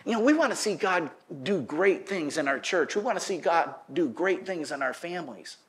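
A middle-aged male pastor preaching in a small church. His voice sits a little high, and he talks in a homey storytelling way. At the big moments he gets louder and more animated. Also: normal speed. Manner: folksy storytelling, grows loud and animated at the story's peak. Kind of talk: sermon. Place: church sanctuary.

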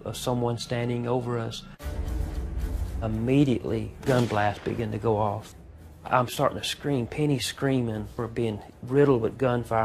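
A man gives halting personal testimony about a traumatic night. His voice is gravelly and stays flat and even. Music plays behind him. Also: medium pitch. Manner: halting, quiet, haunted retelling. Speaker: guest recounting a family tragedy.

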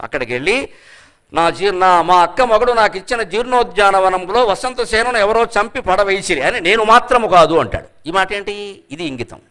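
Bright-voiced older man lecturing with gusto. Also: high voice. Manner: lively, mixes in Sanskrit verse chanted slowly, acts out quoted characters. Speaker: scholar and lecturer. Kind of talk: public lecture to law students.

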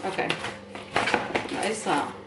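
A tired young student nurse films a rambling, chatty vlog at home, indoors, on a camera set down nearby. She speaks slowly, self-deprecating and full of fillers, and the audio is very noisy with a roomy echo.

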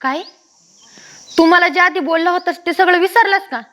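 An actress playing a remorseful young village wife with a rural Maharashtra accent, pleading and tearful. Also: female voice, extremely high pitch, moderate pace, fairly bright tone, a little hiss or hum. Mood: desperate. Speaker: actor. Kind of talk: rural Marathi short-film acting.

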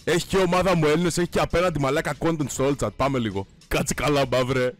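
A young gamer streamer gives casual, excitable gameplay commentary, swearing and bursting into sudden shouts. His slightly high voice sounds strained from all the shouting, and faint music plays behind him.

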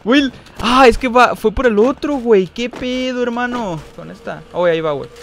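Game music runs beneath this excitable young Mexican streamer as he comments on live gameplay at his indoor desk on facecam. His high voice turns creaky at a moderate pace, and he stays chatty and slangy with frequent shrill outbursts.

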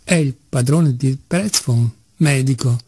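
A man's voice: medium pitch, slow, mellow, breathy edge, no echo. A man reading the part of an insolent, mocking teenage schoolboy in an audiobook. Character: defiant cheeky schoolboy, teenage.

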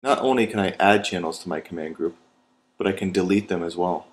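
An American man with a low-pitched voice narrates an instructional video at a fairly quick pace, methodically delivering scripted steps one at a time like a trainer. Faint noise sits behind his voice.

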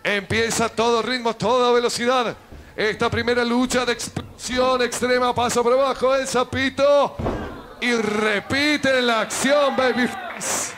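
An Argentine wrestling commentator calls the action in a very high, excited voice, stressing and repeating phrases and stretching out exclamations at big moves. Loud crowd and arena noise from a small indoor venue fill the background.

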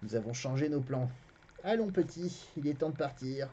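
A reader voicing a calm, protective older farmhand who talks in a level, slightly ominous way. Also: medium pitch, normal speed, slight background noise, close to an everyday voice. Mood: calm, wary. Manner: calm, approving, a bit ominous. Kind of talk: fantasy novel read aloud. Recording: dull, lo-fi stream audio.

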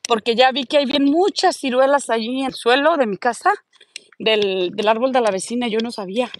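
A woman chatting casually into her phone while she walks outdoors, and she coos in a high voice at the dogs she passes. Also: normal speed, slight background noise. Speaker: vlogger. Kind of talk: casual walking vlog. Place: outdoors on a neighborhood street. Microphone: phone held while walking.

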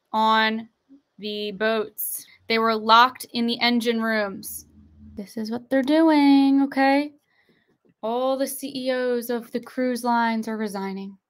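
A young woman hosting an online livestream, reading articles aloud and pressing her viewers with rhetorical questions from her desk. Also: a little high. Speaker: online show host. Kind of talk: conspiracy commentary livestream. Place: indoors at a desk, screen-sharing.

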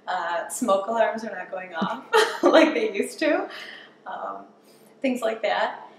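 Her voice is mid-range with lively intonation, and she speaks slowly. She's a woman in her thirties being casually interviewed while cooking at home, candid and self-deprecating about learning the skill. The distant camera mic gives a roomy kitchen sound with a faint hum.

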